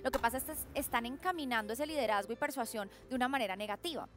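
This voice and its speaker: A Colombian woman with a high, bright voice explains things animatedly as a guest expert on a talk show. She breaks into little parent and child voices to show examples. Faint music plays under her voice. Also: very fast.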